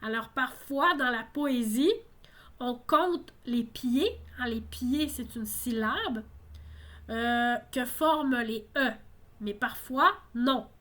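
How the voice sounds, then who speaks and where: Higher-voiced woman explaining lyrics. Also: slow, a bit bright. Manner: explanatory, frequent tag "hein". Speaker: French teacher. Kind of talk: song lesson explaining lyrics.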